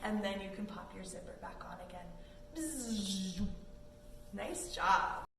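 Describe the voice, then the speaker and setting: This Canadian woman has a medium-pitched voice with vocal fry and lively intonation, and she speaks slowly. She leads a children's yoga storytime, encouraging and instructing in plain, simple terms. A distant mic captures a roomy space with faint background noise.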